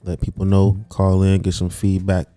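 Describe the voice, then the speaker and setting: Radio host man, slangy laid-back banter, low flat delivery, very dark mellow tone. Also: moderate pace, clean tone, soft background music. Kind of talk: casual radio interview.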